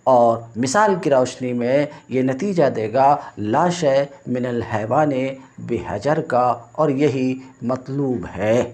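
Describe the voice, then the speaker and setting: A man's voice: mid-range voice, animated, few pauses, a little mellow. A male religious teacher giving a classroom lecture on logic, explaining step by step, asking check-in questions and reciting textbook lines in Arabic.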